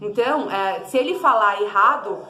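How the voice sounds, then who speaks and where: A woman with a Brazilian Portuguese accent giving casual parenting advice to camera, chatty and repetitive, sometimes slipping into a high sing-song voice to show how to talk to a toddler. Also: moderate pace, bright, forceful tone, reverberant. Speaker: parenting vlogger.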